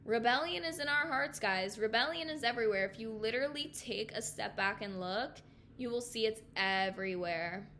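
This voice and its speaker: A young woman with a fairly high voice hosts a faith podcast, moving between heartfelt prayer and chatty, filler-heavy talk. Her delivery is earnest and emotional. A faint hiss of noise sits under the recording. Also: animated, moderate pace, bright, forceful tone. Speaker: podcast host.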